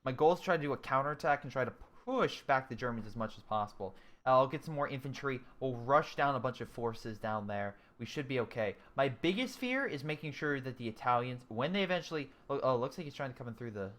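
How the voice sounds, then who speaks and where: This is a twenty-something male gaming YouTuber talking through a strategy game in loose let's-play style, responding to chat as he goes. His mid-range voice is expressive and fast, with few pauses, and he keeps thinking out loud, umming and correcting himself often.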